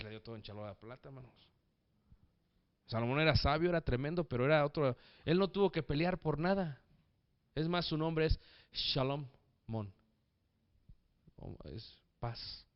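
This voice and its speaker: Lively preacher man, smooth voice. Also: medium pitch, no room sound, lo-fi sound. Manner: lively, jokey, addresses the congregation as brothers. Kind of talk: sermon.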